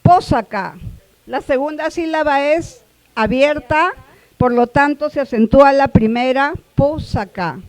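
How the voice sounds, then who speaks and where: Slow, high-voiced woman teaching. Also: dry recording, low-quality recording. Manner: checks in often with the class, repeats words slowly. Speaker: workshop instructor. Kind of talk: classroom explanation.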